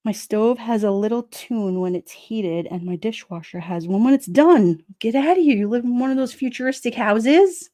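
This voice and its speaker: A middle-aged woman with a New York accent, casually chatting on a livestream, sassy and quick to laugh. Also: fairly high pitch, dark tone. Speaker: livestream host reading chat. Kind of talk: casual chat.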